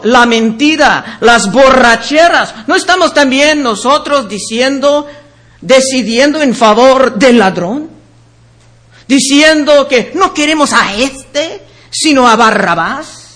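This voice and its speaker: A man preaches with a strikingly high, bright voice and a slow, unhurried delivery. He talks earnestly to his listeners as brothers and sisters and reads scripture aloud, naming each reference. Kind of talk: sermon.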